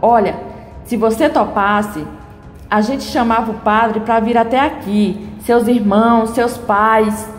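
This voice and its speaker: Woman reading pleading indecisive groom, high voice, echoey room, faint music. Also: fairly even intonation, slow pace.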